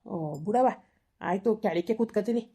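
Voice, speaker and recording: A woman voicing a gentle, grieving old village grandfather with a rural Karnataka Kannada accent, in a village family drama. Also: mid-range voice, a little fast, slightly rough, lightly acted. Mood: humble.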